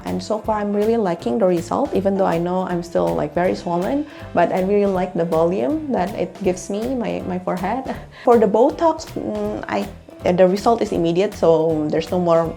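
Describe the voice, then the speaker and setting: A woman's voice: medium pitch, moderate pace, vocal fry, warm tone, soft background music. A young woman from Indonesia, chatting casually in a vlog about her recovery, with frequent little laughs and fillers. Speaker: clinic employee and patient.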